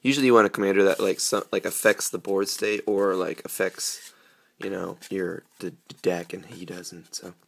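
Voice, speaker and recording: A young man talks through an unboxing in a rambling, casual way, full of ums and restarts. His voice sits very low, and the cold he has leaves it grating and gravelly. It sounds like a camera mic in a room at home. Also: level tone, normal speed. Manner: rambling, filler-heavy. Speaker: card game vlogger.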